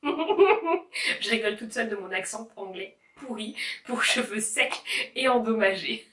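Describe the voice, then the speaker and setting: A woman's voice: medium pitch, expressive, a little slow, fairly bright tone. A woman in her thirties talking casually at home about her haircare routine, often laughing and saying "euh", with her children sometimes heard playing. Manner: chatty, laughs often, many fillers. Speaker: beauty vlogger. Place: home room. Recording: echoey room. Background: children playing in the background.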